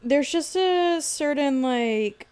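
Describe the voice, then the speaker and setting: A woman's voice: sits high, lively intonation, takes it slowly, a little mellow. A young woman co-hosting a podcast, chatting casually and hesitantly with lots of "um," tired after a late night out. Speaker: podcast co-host. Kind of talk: casual chat.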